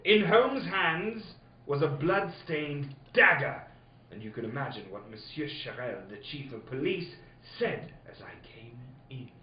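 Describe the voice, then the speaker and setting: An anxious gentleman doctor acted by a man in a comic radio play, theatrical and exasperated. The voice is high and very animated, caught in a roomy, dull-sounding recording. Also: unhurried, a little hiss or hum. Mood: grave, dramatic. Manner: theatrical, melodramatic narration. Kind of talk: comic old-time radio drama acting.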